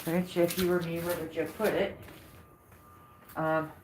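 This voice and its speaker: A woman's voice: fairly low pitch, little pitch movement, measured pace. A woman chatting to her viewers while she works in her workshop, breathing hard from the effort. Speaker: woodcarving vlogger. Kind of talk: casual chat while working. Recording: roomy workshop sound, mic at a distance, noisy.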